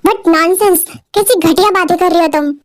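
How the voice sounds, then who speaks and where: A woman playing a brusque young husband, very high voice, snappy, dry sound. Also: moderate pace, no echo. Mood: angry. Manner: curt, scolding.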